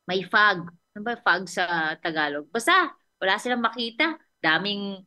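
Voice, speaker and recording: A woman's voice: mid-range voice, expressive, measured pace, bright, forceful tone. A woman pastor with a Filipino accent giving a conversational sermon, often checking in with her listeners. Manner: conversational, mixing English and Tagalog, checks in with "okay?".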